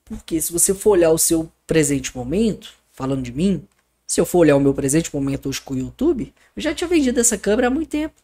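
A man's voice: a little high, fast. A man, a guest on a podcast, telling stories in casual talk and acting out the other people's lines. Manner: animated storyteller, acts out dialogue.

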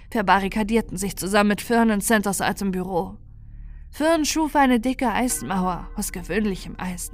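Woman narrating a horror audiobook. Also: medium pitch. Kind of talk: scripted horror story narration.

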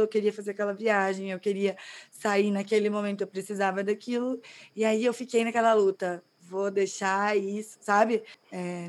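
Reflective woman hosting a podcast. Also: mid-range voice. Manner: reflective, often ends with "né?". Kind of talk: casual chat.

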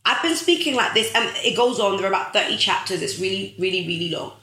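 A woman's voice: mid-range voice, fast talker, pushed and bright, echoey room, poor audio. A woman hosting a motivational livestream as an author, talking in a rallying, preachy way with lots of repeated phrases. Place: bedroom at home.

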